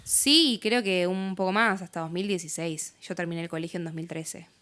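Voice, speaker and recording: Speaking a little fast in a lowish voice, this young adult woman guests on a podcast and openly recounts her own story. Her Argentine Spanish accent comes through in casual, filler-heavy talk with a lively, animated retelling.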